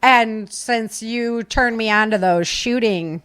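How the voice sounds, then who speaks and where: Chatting loosely with a live audience, this female podcast host rambles informally and leans on filler words. She speaks slowly in a higher, slightly bright, clean voice. Her webcam stream mic sits back from the keyboard, and there's no room sound.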